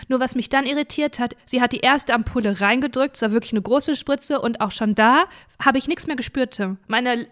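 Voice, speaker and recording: A woman in her thirties, a podcast co-host telling a story in casual chat, animated and acting out the people she quotes. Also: a little high, brisk, few pauses. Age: 30s.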